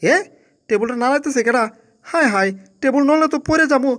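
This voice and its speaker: A boastful cartoon tomcat played by a woman with a very high voice. He is quick to panic and speaks in exclamations, in the style of a dubbed cartoon. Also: expressive. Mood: panicked. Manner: rhyming boasts, exclamatory wailing. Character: boastful, easily panicked male cartoon cat. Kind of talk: Bangla cartoon dub.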